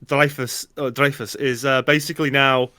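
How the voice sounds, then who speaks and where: A man's voice: mid-range voice, fairly even intonation, moderate pace, bright, forceful tone, dry recording, clean studio sound. A man co-hosting a film podcast, chatting casually and enthusiastically about a comedy. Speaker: podcast co-host.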